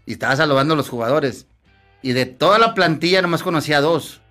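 A man's voice: a little high, fast, sharp tone, faint music behind. A man, a former footballer telling crude, laughing anecdotes in a casual chat. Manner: laughing storyteller, crude slang, acts out voices.

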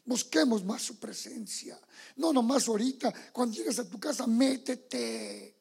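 A man's voice: extremely high pitch, sing-song, a little slow, creaky, darkish tone, husky. A man preaching a sermon as pastor, fervent and calling his listeners brothers.

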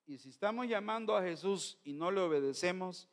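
A middle-aged pastor delivers an emphatic Sunday sermon in a high-pitched voice. He keeps turning to the congregation as his brothers. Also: animated, fairly quick.

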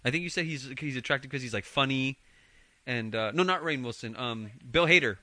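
A man's voice: medium pitch, a little fast, sharp tone, dry recording. A man co-hosting a podcast, talking casually and rambling with restarts and swearing. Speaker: podcast co-host. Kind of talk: casual chat.

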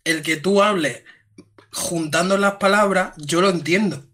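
Bright-voiced Andalusian man chatting. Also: high-pitched, a little slow. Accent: Andalusian Spanish. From Andalusia, Spain. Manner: chatty, swears casually, jokes with his co-host. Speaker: podcast co-host. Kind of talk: casual chat.

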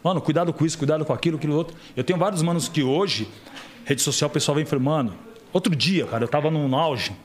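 Speaking at a quick pace with a rather high voice, a middle-aged man from Brazil tells stories as a guest on a casual podcast. He brings quoted dialogue to life, animatedly acting out each person's voice.

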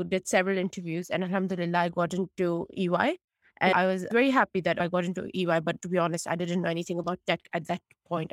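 A woman's voice: lowish voice, dry recording. A woman in her late twenties from Pakistan, a tech consultant chatting candidly as a podcast guest. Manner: chatty, candid, many restarts. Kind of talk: podcast interview.

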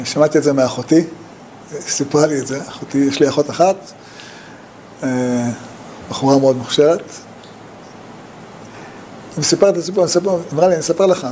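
Rabbi type, male, on the higher side, lively storyteller voice for a sermon. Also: long pauses, slight background noise, poor audio. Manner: animated storytelling with sudden high pitch jumps. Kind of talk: Torah talk with storytelling.

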